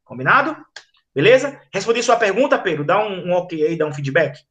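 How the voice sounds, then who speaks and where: A Brazilian man with a high, bright voice teaches an online English lesson. He talks in a chatty, explanatory way and keeps checking that the class is following. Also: expressive, brisk. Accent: Brazilian Portuguese, from Rio Grande do Norte.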